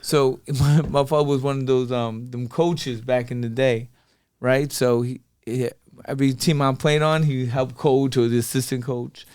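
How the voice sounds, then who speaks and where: A Brooklyn, New York man appears as a podcast guest, telling casual stories at a moderate pace with few pauses. His mid-range voice has a clean tone, and he animatedly acts out the voices of people in his stories, including his father's.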